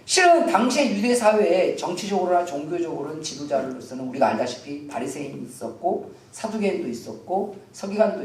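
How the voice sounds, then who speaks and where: Animated male pastor in a roomy church. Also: high-pitched. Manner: animated, acts out shouted quotes from the story; conversational, jokes with the congregation. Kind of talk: Sunday sermon. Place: church sanctuary. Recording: roomy hall, voice from a distant mic.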